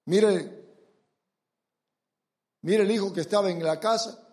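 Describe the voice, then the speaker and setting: Man, pastor preaching a sermon, high voice, slow and deliberate, emphatic, loud then hushed. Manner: emphatic, repeatedly urging listeners to look and pay attention; sharp swings between loud and hushed delivery.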